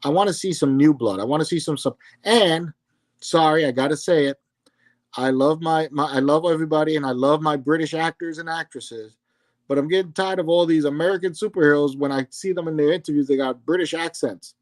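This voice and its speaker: A man's voice: a little high, fairly quick, dry recording. A man co-hosting a casual fan chat, opinionated and emphatic as he talks about comics and casting. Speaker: podcast co-host.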